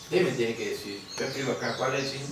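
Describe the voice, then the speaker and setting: In a museum classroom, a Guaraní teacher of medium pitch delivers a lecture against a noisy background. His voice carries the echo of a distant room as he explains, tests the students with questions and says words again slowly.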